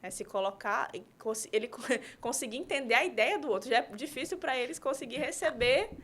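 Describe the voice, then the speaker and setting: Uma mulher convidada, pedagoga e terapeuta, explicando com exemplos numa conversa de podcast e pontuando as frases com "né?". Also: female voice, high-pitched, lively intonation, a little fast, fairly bright tone. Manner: explains with examples, frequent "né?". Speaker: guest, pedagogue and therapist.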